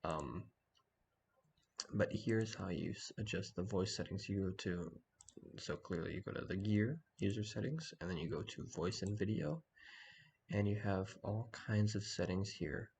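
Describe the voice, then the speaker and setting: A man talking quietly in the early morning so as not to wake anyone, giving a casual screen-share walkthrough. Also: fairly low pitch, a little slow, creaky, slight background noise. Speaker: online community organizer giving a tutorial.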